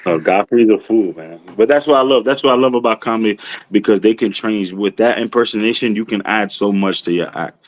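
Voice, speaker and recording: A man's voice: fairly low pitch, a little fast. A man chatting enthusiastically on a podcast, often tossing in "you know what I mean.". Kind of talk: casual chat.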